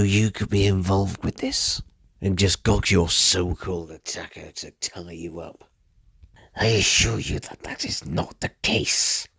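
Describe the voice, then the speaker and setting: A man narrating a first-person audio drama story in a steady, measured way. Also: sits low, no echo, studio quality.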